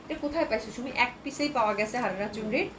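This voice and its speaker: A woman's voice: a little high, rapid-fire, background noise. A woman from Bangladesh hosting a live clothing sales stream, chatting with viewers and reading out their comments, with a sore throat from a cold. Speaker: online clothing seller.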